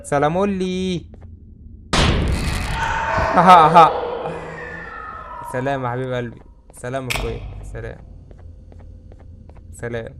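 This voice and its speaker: Jumpy Egyptian gamer man, higher voice. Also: noisy background. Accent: Egyptian Arabic. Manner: chatty, jumpy, easily spooked. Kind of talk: let's-play commentary.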